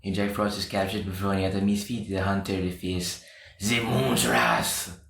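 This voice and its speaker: Deep-voiced quiet man, echoey room. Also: level tone, normal speed, creaky, slight background noise. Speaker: podcast co-host. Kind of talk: casual game design chat.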